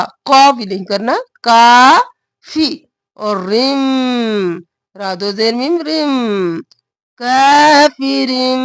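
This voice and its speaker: A woman teaching Quran recitation, drawing out verses slowly and then explaining pronunciation rules in quick asides. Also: on the high side, no room sound. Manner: slow drawn-out recitation alternating with quick explanations. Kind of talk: tajweed recitation lesson.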